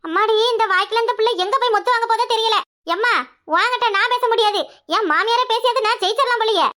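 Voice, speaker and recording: A woman voicing a loud, quick-tempered village mother in a cartoon, with a southern Tamil village accent and shrill, fast exclamations. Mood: scolding. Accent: southern Tamil Nadu village Tamil. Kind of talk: cartoon voice acting.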